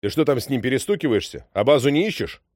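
A man voicing a harried middle-aged sea captain who is anxious and touchy and shouts defensively. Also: medium pitch, very animated, fast talker, no echo, clean studio sound. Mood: irritated.

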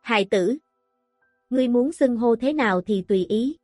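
A woman's voice: fairly high pitch, moderate pace, darkish tone, no room sound, clean studio sound, faint music behind, natural voice. A woman voicing a blind, broken old male prisoner who speaks with sorrow and regret. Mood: grieving. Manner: sorrowful, sighing.

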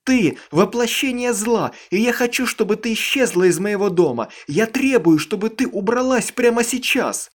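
A man's voice: high voice, expressive, measured pace, hardly any pauses, darkish tone, voice pushed up. A man reading an audiobook, voicing a terrified, hysterical teenage girl who screams in panic and fury. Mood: screaming rage.

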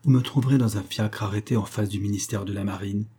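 Un homme lisant à voix haute incarne un jeune séducteur calculateur qui presse et persuade avec insistance. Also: male voice, lowish voice, steady tone, fast talker, warm tone, breathy edge. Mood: conspiratorial. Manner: insistent and coaxing.

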